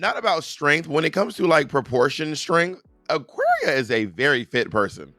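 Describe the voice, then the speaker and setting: A man's voice: fairly high pitch, huge pitch swings, normal speed, sharp tone, faint music behind. A man in casual chat who teases and goads his co-host. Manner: teasing, playfully goading. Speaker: drag performer and co-host.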